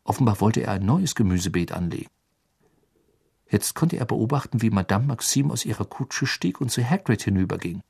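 A man narrating an audiobook in calm, even storytelling. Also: fairly low pitch, a little fast, gravelly, slightly rough.

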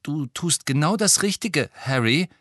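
A man reading an audiobook, voicing a shy, pale teenage boy who speaks softly and earnestly. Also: on the high side, animated, a little slow, dry recording, studio quality, pitched above the performer's own voice. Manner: soft-spoken.

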